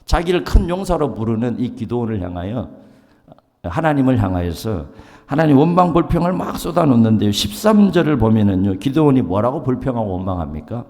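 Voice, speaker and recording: A male pastor preaching a sermon in an animated way, often putting questions to the congregation and acting out quotes. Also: medium pitch, fairly quick. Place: church sanctuary. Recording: long hall reverb.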